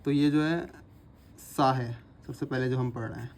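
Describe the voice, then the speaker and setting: A man teaching shorthand, explaining each stroke patiently and repeating the sounds slowly as he writes them. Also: medium pitch, steady tone, a little mellow. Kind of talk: instructional lesson, repeating drills aloud.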